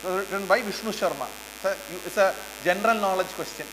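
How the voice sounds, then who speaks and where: A high-voiced man with an Indian English accent lectures students in a long-reverb hall. He poses rhetorical questions and repeats his main points to drive them home. A faint electric hum sits under the voice. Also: quick pace. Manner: rhetorical questions, repeats key phrases for emphasis. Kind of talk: motivational classroom lecture.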